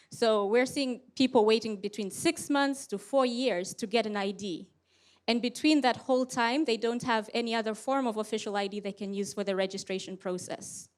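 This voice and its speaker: A woman giving a prepared conference lightning talk as a research presenter, explaining in a clear, structured way with rhetorical questions. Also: fairly high pitch.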